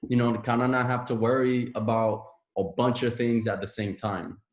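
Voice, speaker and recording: A man's voice: mid-range voice, little pitch movement, moderate pace, roomy sound. A man from Puerto Rico whose first language is Spanish, a podcast guest talking casually with many fillers and restarts. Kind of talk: casual conversation.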